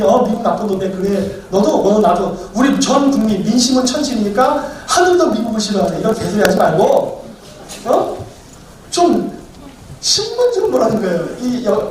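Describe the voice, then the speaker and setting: A man's voice: extremely high pitch, darkish tone. A man giving a heated political lecture as a commentator, combative, firing off rhetorical questions one after another. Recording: very echoey room, distant mic, faint noise.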